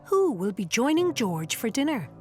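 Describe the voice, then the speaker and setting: A woman's voice: on the high side, very animated, normal speed, over music. A woman reading scripted documentary narration for a television programme.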